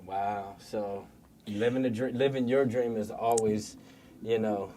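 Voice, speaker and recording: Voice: medium pitch, fairly even intonation, measured pace, mellow, a little hiss or hum, poor audio. A podcast host asking casual questions and giving short reactions to the guest. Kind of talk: casual interview chat.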